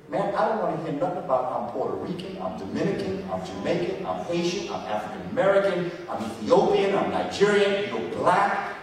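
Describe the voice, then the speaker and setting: A man with a slightly high voice delivers a passionate, preacher-like history lecture, emphatic and repeating words for effect. He's recorded from afar in a large, echoey hall.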